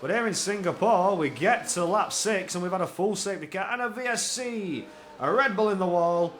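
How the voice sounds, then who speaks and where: A man giving live play-by-play racing commentary in an excitable manner, repeating phrases for emphasis. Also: high-pitched, normal speed, a little hiss or hum. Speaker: esports motor racing commentator.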